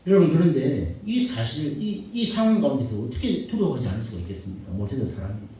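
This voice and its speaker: A man preaching from a church pulpit, his voice leaping between soft, low lines and sudden loud shouts, with lots of repetition. The sound carries a heavy, roomy echo, as if picked up from across the sanctuary. A faint hiss sits underneath. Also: fast talker. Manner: animated preaching, repeats phrases, swings from hushed to shouting. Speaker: pastor. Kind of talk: sermon. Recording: echoey church hall, mic far off, faint hiss.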